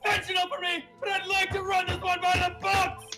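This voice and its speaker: A friend shouting as a stern old prosecutor. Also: monotone, fast. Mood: booming. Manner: shouting, booming declarations. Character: stern older male prosecutor. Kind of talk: fan voice acting over a game. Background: game music.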